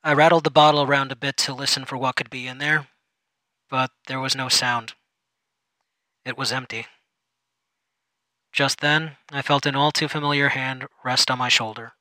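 A man's voice: mid-range voice, steady tone, normal speed, long pauses, pushed and bright, no room sound, low-quality recording. A man reading a first-person story aloud in a sardonic, bitter manner.

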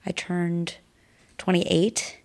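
Appearing as a podcast guest, a woman in her thirties talks reflectively and earnestly in casual conversation, restarting as she works through her thoughts. Her lowish voice has a flat delivery and a very slow pace.

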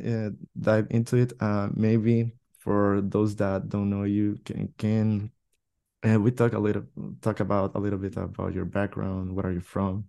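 A man's voice: fairly low pitch, vocal fry, darkish tone, smooth. A man hosting a podcast, asking questions hesitantly with many fillers and restarts. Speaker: podcast host. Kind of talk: conversational interview.

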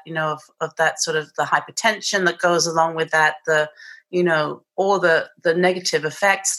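A woman from England with a British accent speaks as a guest on a podcast interview. Her low voice is a bit bright, and she talks reflectively and thoughtfully, searching for her words and restarting mid-phrase.

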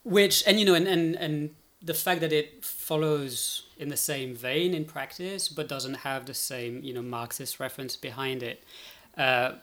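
A man's voice on the high side, fairly even in intonation, belongs to an expert guest explaining ideas in a relaxed podcast interview. He thinks out loud and keeps asking "right?", speaking unhurriedly with few pauses and a slightly bright tone.

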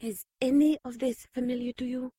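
A woman playing a shaken but caring, gently reproving nun in an audio drama. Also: high voice, steady tone, brisk, slightly rough.

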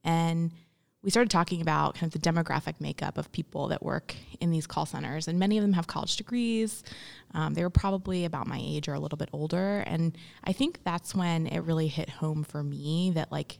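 A woman's voice: low-pitched, fairly quick, gravelly. A young woman, born in India and raised in Memphis, talking as a guest in a casual interview, thoughtful and full of fillers and restarts. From born in India, grew up in Memphis, Tennessee. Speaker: guest, entrepreneur.

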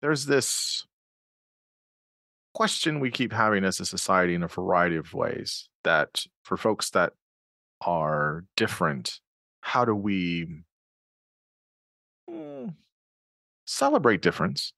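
A man's voice: sits low, huge pitch swings, slow, vocal fry, pauses often, sharp tone, no echo, studio quality. A man hosting a podcast interview, thinking aloud with many fillers and restarts. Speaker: podcast host. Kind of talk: conversational interview.

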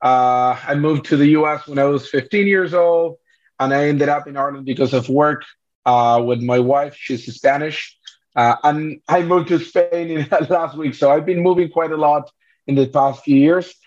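A young man from Argentina answers questions in relaxed, measured speech, filling gaps with "uh" and "you know". His audio is a little dull and lo-fi. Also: on the high side. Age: young adult. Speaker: guest angler. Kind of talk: casual interview chat. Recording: slightly dull lo-fi sound.

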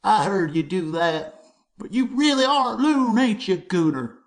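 A man voicing a big menacing schoolyard bully with a high, wavering, twangy voice. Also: sing-song, measured pace, heavily acted. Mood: taunting.

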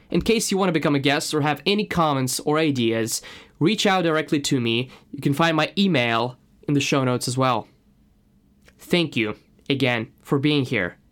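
A man's voice: medium pitch, a bit bright. A man from Russia with a slight Russian accent, introducing his own podcast in an earnest, personal way. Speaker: podcast host.

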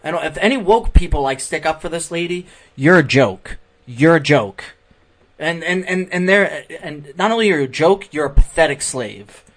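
A man's voice: a little high, animated, moderate pace, a bit bright. A man hosting a political commentary podcast. He rants heatedly and profanely, repeating his points. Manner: heated, profane, repetitive ranting. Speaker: podcast host. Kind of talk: political commentary over clips.

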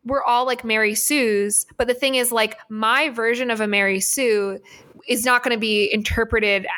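A woman hosting a casual podcast, speaking in a chatty, halting way with many fillers. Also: fairly high pitch, fairly even intonation, bright, forceful tone. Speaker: podcast host.

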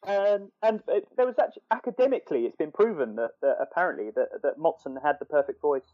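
A man talks eagerly about football commentary, stumbling through restarts and fillers. His voice is a little high and sounds slightly dull. The recording is very dry, with no room sound. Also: fast talker, no room sound. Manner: enthusiastic, hesitant, many restarts. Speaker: podcast co-host. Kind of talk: casual chat.

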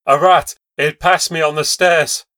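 A man's voice: very high voice, moderate pace, sharp tone, dry recording, clean studio sound, pitched above the performer's own voice. Man playing a trembling terrified old man. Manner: shaking, hoarse whisper.

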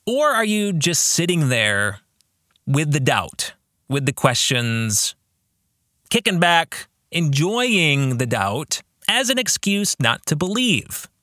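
An American podcast host and author leads a book club, speaking earnestly and reflectively to listeners with emphasis and probing questions. His voice is a little high, sing-song and sharp, and he goes slowly, recorded at studio quality with no echo.

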